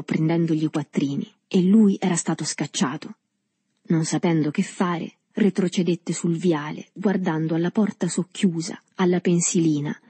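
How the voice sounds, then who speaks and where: A woman narrating a novel in a calm, measured audiobook reading. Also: lowish voice, breathy edge, no room sound.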